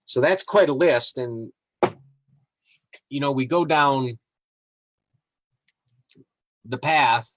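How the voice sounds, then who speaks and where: A man hosting a podcast in a relaxed, rambling way, reading passages aloud and chatting about them with fillers and small chuckles. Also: mid-range voice, drawn-out words, pauses often, no room sound, rough recording. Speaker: podcast host. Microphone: live-streamed podcast mic.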